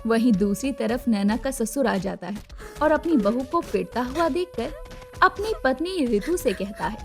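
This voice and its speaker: A woman narrating a cartoon moral story in a dramatic, expressive way. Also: on the high side, measured pace, faint music behind.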